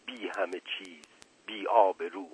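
A man's voice: deep voice, slightly rough. A man voicing an older family patriarch who speaks in an imperious, indignant tone. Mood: outraged. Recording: tinny phone-like dry recording.

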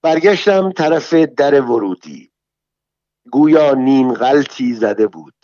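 A man narrating a first-person story as an audiobook, in a calm, measured and plain manner. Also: mid-range voice, no echo, lo-fi sound.

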